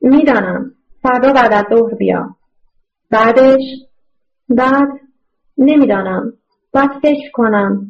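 A torn, emotional young married woman whose pleas rise urgently, read by a female narrator. Her voice is fairly high and the recording sounds muffled and lo-fi. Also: long pauses, soft background music, natural voice. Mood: hesitant. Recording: muffled lo-fi audio.

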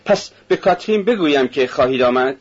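A man reading a novel aloud, voicing a shy, poor eighteen-year-old girl in a raised, husky voice. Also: on the high side, animated, highs cut off. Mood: timid.

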